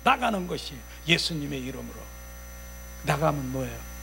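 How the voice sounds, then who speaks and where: A male pastor preaching a sermon with passion, rising to loud commanding declarations. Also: a little high, very animated, normal speed, vocal fry, a little hiss or hum.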